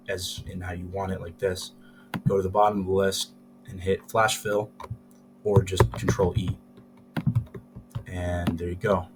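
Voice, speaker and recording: A deep-voiced man talks through a thick, sore, swollen throat as he presents a casual software tutorial. His delivery is very flat and hesitant, picked up by a cheap laptop mic. Music plays clearly behind him. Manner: hesitant, informal. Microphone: laptop's built-in microphone.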